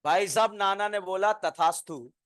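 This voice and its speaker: A man's voice: high-pitched, lively intonation, measured pace, pushed and bright, dry recording, studio quality. A man teaching chemistry to a classroom, quizzing students, counting their answers and explaining with playful name mnemonics. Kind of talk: classroom lecture.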